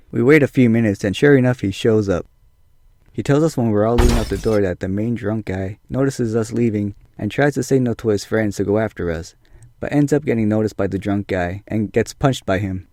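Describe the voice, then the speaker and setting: A man's voice: on the low side, darkish tone, no room sound, studio quality. A man narrating a scripted personal story as a video storyteller.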